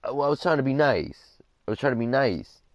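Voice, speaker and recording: A man's voice: mid-range voice, animated, fast, highs cut off. A young man on a game livestream, telling a story in a rambling way, full of "like" and "you know what I mean". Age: young adult. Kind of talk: casual storytelling while streaming a game.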